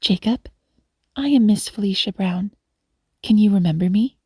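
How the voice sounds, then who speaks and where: A woman voicing a dainty young schoolteacher in a storybook, talking in a bright, quick, flustered way. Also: medium pitch, husky, dry recording, studio quality, lightly acted. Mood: eager.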